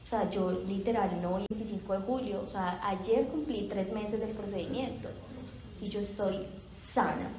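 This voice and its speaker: A woman giving an emotional personal testimony at a Bible study group. She speaks into a handheld mic, halting and repeating phrases, with many fillers. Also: mid-range voice, a little mellow. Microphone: handheld microphone. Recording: roomy hall with faint background noise.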